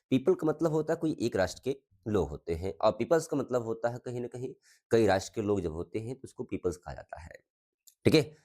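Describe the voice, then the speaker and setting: A man's voice: medium pitch, a little mellow. A man teaching a grammar lesson, asking the class questions and repeating the answers, coughing now and then.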